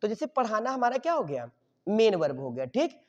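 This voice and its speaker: Lively-voiced male teacher, echoing room. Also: sits high, fairly quick. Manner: quizzes the class and answers his own questions; checks in with "okay?" after each step. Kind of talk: grammar lesson. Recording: dull muffled sound with long reverb.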